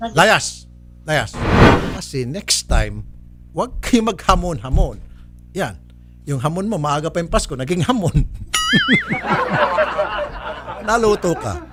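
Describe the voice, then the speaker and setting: Stern scolding man, slightly high voice. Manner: scolding, curt refusals, mocking laughs. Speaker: radio-TV public service host. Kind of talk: stern on-air case ruling.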